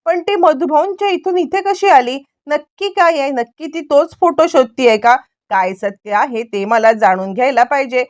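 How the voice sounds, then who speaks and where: A woman's voice: high-pitched, moderate pace, few pauses, no room sound, close to an everyday voice. A woman voicing a pushy older grandmother who coaxes and broods in suspicion. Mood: suspicious.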